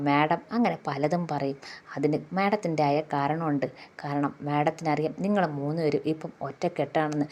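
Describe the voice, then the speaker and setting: A woman with a Malayali accent, quickly retelling a TV serial episode and quoting each character's lines in her own voice. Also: deep voice, dark tone.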